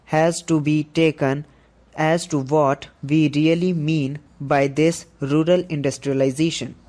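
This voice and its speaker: Man, higher-pitched voice, very slow pace, measured scripted dictation, deliberate pauses between phrases. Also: a little mellow. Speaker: shorthand dictation reader.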